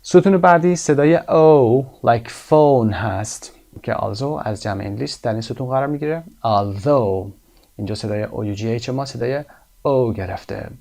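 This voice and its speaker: Gravelly-voiced man teaching English. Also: mid-range voice, warm tone. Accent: Persian. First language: Persian. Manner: explains in Persian, reads English examples slowly and carefully. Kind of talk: recorded language lesson explaining a textbook.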